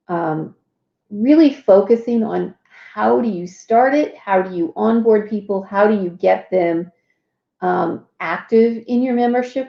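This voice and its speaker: Woman, host, casual livestream walkthrough, unhurried, chatty with fillers, echoey room. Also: medium pitch, gravelly, muffled recording. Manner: chatty, lots of fillers and asides.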